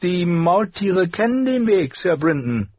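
A man's voice: high voice, very animated, measured pace, no echo, highs cut off, voice pushed up, heavily acted. Man doing a cocky teenage girl. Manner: cocky and eager. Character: wiry, boastful teenage girl guide.

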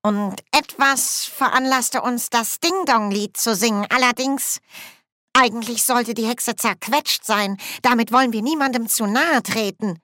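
A bewildered male dwarf who stammers and hesitates over every answer, voiced by a woman reading aloud. He speaks slowly, pitched up and unsure. The sound is close and dry. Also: pushed and bright, no room sound. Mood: relieved. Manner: hesitant, halting, slow.

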